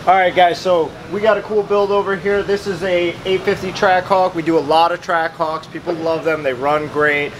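Speaking at a moderate pace with hardly any pauses, this thirtysomething man leads a cheerful, straightforward tour of the large indoor car workshop he manages. His high voice keeps a fairly even intonation. Workshop noise fills the background of the walkthrough vlog.

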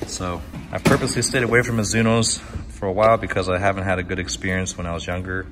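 A man's voice: low-pitched, level tone, fast talker, big-room sound, very noisy. A man in his thirties chatting casually as a vlogging sports coach, recorded on a phone inside a gym. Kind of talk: casual vlog chat. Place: indoors at a gym. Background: music.

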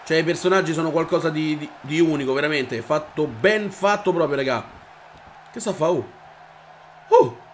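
A young man giving excited gameplay commentary, swearing and shouting at the game as he plays. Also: a little high, a little fast, slight background noise. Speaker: gaming YouTuber.

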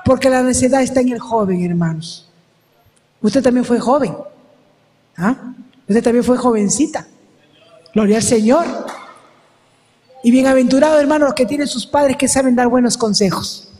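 A woman's voice: a little high, moderate pace, pauses often, dark tone, long reverb tail. A woman preaching a sermon at a women's service, emphatic and repetitive, often calling out to the brethren.

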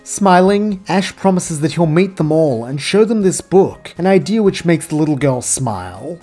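A narrator telling a story in scripted narration, with a steady, even delivery. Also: medium pitch, moderate pace, faint music behind.

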